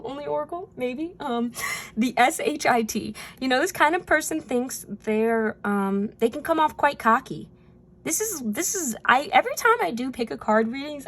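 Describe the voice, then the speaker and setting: A woman's voice: fairly high pitch, expressive, moderate pace. A woman giving a casual spoken tarot reading, chatty and rambling, with frequent fillers and easy laughs. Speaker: tarot reader.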